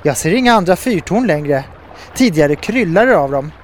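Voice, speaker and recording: A man's voice: fairly high pitch, animated, slight background noise, close to an everyday voice. A man voicing a cheerful, decisive young woman who can fly, in a storybook reading. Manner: bright and decisive.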